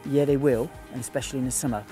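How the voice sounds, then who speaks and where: By a lake, a fishing guide coaches a beginner on the spot, giving quick, urgent instructions he repeats again and again. His mid-range voice is steady and mellow, with soft music playing in the background.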